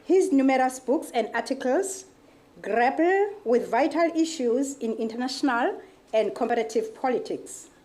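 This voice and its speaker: A woman with an African accent formally introducing a speaker as session chair, with halting, deliberate phrasing. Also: fairly high pitch, a little mellow. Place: conference event before an audience.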